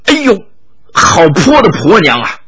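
Brief: coaxing, pushy middle-aged official, sly and insistent, voiced by a male narrator, bright tone. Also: a little high, big pitch swings, normal speed, husky, heavily acted. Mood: wheedling. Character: scheming middle-aged male official, wheedling then bullying.

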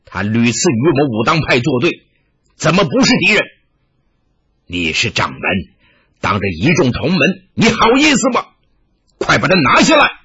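一位男子演绎一位愤怒严厉的年长道长，嗓音沙哑，拔高声调大声斥责，录音音质发闷。. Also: male voice, mid-range voice, huge pitch swings, normal speed, pauses often, slightly rough, dull audio, full character voice. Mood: angry. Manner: scolding, shouting raised voice. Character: angry stern old Taoist elder, young man's uncle-teacher.

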